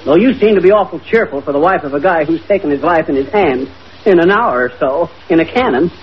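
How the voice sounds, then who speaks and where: An actor playing a blustering, worried carnival manager and wisecracking husband, folksy and slangy, in vintage radio comedy. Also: male voice, fairly high pitch, animated, fairly quick, close to an everyday voice. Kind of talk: 1940s radio comedy acting. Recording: muffled, noisy old radio recording with audience.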